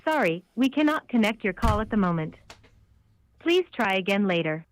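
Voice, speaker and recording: Recorded woman's voice for a phone menu, played over a landline phone, steady and measured. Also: mid-range voice, slight background noise. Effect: automated voice heard over a landline phone.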